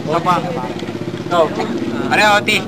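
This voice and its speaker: A man emceeing a rap battle, calling time and rounds and shouting to the crowd. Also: sits high, moderate pace. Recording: loud crowd and noise.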